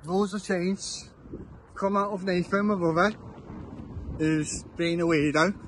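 A man's voice: high-pitched, fairly even intonation, measured pace, fairly bright tone, slight background noise. A young man, chatty and a little tipsy, rambling and repeating himself as he films a walking vlog on town streets with a handheld phone. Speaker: vlogger. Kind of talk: casual walking vlog commentary. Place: outdoors on town streets at dusk.

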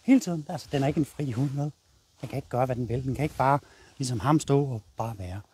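A man's voice: medium pitch, darkish tone, husky. A man with a Danish accent, a dog trainer explaining his method in a blunt, casual way while walking a dog outdoors.

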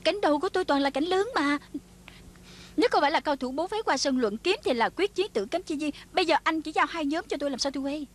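A sharp-tongued female film director in a TV drama. She talks fast and bossily in a high voice. Light music sits behind her. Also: expressive. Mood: brisk. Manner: quick and bossy. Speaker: dub actor. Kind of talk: Vietnamese dub of a TV drama.

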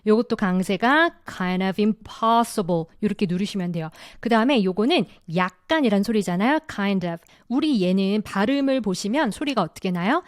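A woman teaching an online English lesson who explains patiently, step by step. She slows right down to say the model sentences. Her voice sits at a middle pitch and sounds dry and close. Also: animated, no room sound. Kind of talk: online grammar and pronunciation lesson.

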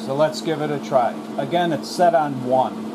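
A man with a slightly high voice explains his welder settings and technique in a calm, reassuring way. He is recorded on a camera mic near the work in a garage workshop. A steady hum and crackling welding noise sit clearly behind his voice. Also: moderate pace. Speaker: auto body repair instructor. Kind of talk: welding tutorial narration.

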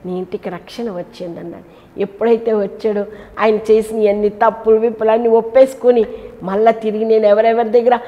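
A woman's voice: a little high, fairly even intonation, a little fast, in a large hall, muffled recording. A woman preaching a sermon with emotional, rising and falling emphasis, acting out pleading voices.

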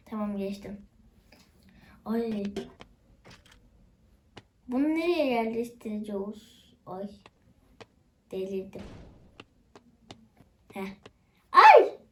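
A woman with a medium-pitched, slightly mellow voice hosts a gaming channel, chatting to viewers and exclaiming often as she plays. Her commentary is excited, with faint background noise and clicks in the recording.

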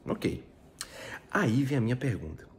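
A man's voice: medium pitch, very animated, unhurried, a little hiss or hum. A Brazilian man with a Brazilian Portuguese accent, explaining French pronunciation in a casual video lesson, checking in often with tag questions. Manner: chatty, explains step by step, frequent tag questions. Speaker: French teacher.

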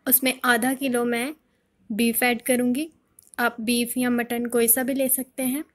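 A woman hosting a home cooking channel, calmly explaining a recipe step by step in a voice-over. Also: a little high, unhurried. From Pakistan. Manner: calm step-by-step instruction.

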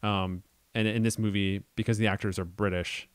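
A man's voice: on the low side, steady tone, moderate pace, no room sound. A young man co-hosting a casual podcast about a film adaptation, thinking aloud with many ums and restarts. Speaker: podcast co-host.

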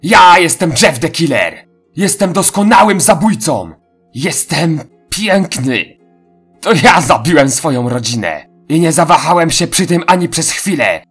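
A man voicing a defiant, deranged teenage killer who boasts and shouts frantically in a horror audio drama. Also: fairly high pitch, very animated, unhurried, breathy edge, soft background music, pitched above the performer's own voice, exaggerated voice. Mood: furious defiance.

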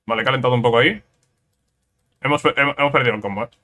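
A man from giving casual let's-play commentary on a fighting game, excitable, repeating words in quick bursts and ending phrases with "eh?". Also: mid-range voice. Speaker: gameplay commentator.

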